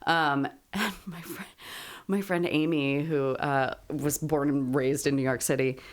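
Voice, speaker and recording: A woman co-hosting a podcast, chatting casually, telling lively stories, laughing often and swearing freely. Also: deep voice, a little slow. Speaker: podcast co-host. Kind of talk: casual chat.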